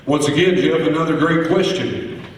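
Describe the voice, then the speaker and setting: A man gives formal contest answers in a courteous, earnest, deliberate way, like an orator. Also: on the high side, slight background noise. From Oklahoma, US. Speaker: auctioneer, contest finalist. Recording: echoey hall, heard from far off.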